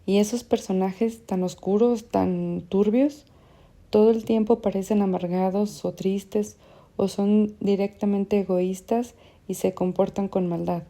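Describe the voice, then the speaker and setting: A woman's voice: mid-range voice, flat delivery, normal speed, dark tone, lightly acted. A woman voicing a blunt, frustrated young man. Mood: accusing. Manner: insistent, questioning.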